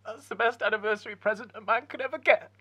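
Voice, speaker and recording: A man playing a hapless, flustered husband who stammers, with a husky voice. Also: high voice, steady tone, quick pace, bright, forceful tone.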